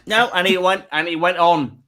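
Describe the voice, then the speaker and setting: A man's voice: sits high, moderate pace, sharp tone. A man doing a stand-up comedy set, chatty and stumbling, mocking himself.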